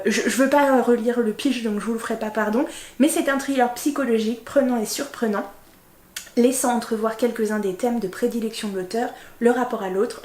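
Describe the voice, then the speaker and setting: A woman chatting casually about her reading list as a book vlogger, rambling with lots of fillers and quick self-corrections. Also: a little high, darkish tone, reverberant.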